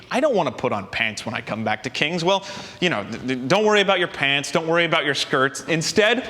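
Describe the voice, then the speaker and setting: A young man hosting a college comedy show, telling jokes in an animated, exasperated way. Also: fairly high pitch. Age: young adult. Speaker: host. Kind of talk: comedic monologue and sketch. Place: set on a campus stage. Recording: long hall reverb.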